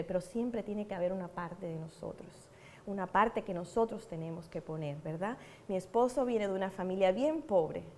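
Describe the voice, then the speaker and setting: A preacher from Cuba, speaking with a Cuban Spanish accent, gives a church teaching in a medium-pitched, slightly mellow voice. She shares personal testimonies earnestly and repeats words for emphasis.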